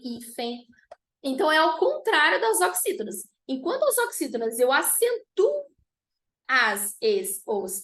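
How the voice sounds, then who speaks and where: A woman's voice: high voice, a bit bright. A woman teaching an online grammar lesson, spelling out rules and reading example words one by one. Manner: slow, deliberate dictation of rules and example words.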